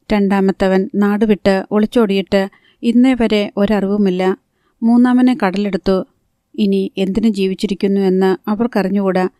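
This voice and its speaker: A woman narrating a novel as an audiobook, in a steady, even storytelling read. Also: medium pitch, no room sound, studio quality.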